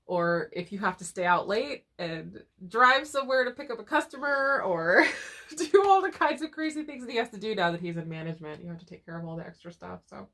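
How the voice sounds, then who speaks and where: Her mid-range voice is fairly bright, with lively intonation and a brisk delivery that leaves few pauses. She co-hosts a casual couple chat channel, talking around a cough drop and a lingering cough while often laughing and restarting sentences.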